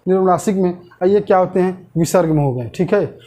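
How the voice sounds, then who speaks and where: A man teaching a grammar lesson online, posing questions to the class and answering them himself, repeating key terms slowly. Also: sits high, warm tone.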